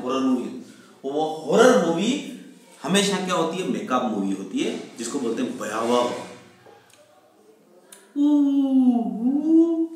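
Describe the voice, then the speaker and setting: A man's voice: mid-range voice, recorded from a distance. Man teaching vocabulary in an echoey room. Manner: explains with stories and asks himself questions, then answers; mixes Hindi with slowly spoken English definitions. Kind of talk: classroom vocabulary lesson.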